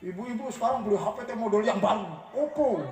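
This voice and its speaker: A man's voice: high-pitched, fast talker, some chatter behind. A man preaching a humorous sermon, teasing his audience and often asking them whether he is right. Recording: echoey room, voice from far off the mic.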